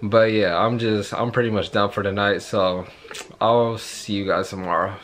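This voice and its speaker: Filming himself on a phone at arm's length, a young man in his twenties chats to camera in a casual vlog, starting in his bedroom and then walking along a suburban street outside. His lowish voice is hoarse after shouting at a concert, and he talks at a moderate pace, rambling excitedly and repeating himself.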